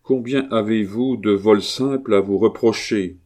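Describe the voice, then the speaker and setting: Authoritative chief, severe and unhurried, as a narrator voices him. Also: male voice, lowish voice, darkish tone. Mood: stern. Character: stern cunning middle-aged police chief.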